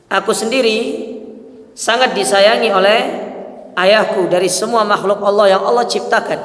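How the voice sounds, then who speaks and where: A man with a high voice gives a religious study lecture. He reads Arabic lines aloud, then explains them in everyday speech, often adding "ya". His voice rings with a long echo, as if he is speaking in a hall. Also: fairly even intonation, normal speed, a bit bright. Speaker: Islamic preacher. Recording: echoey hall.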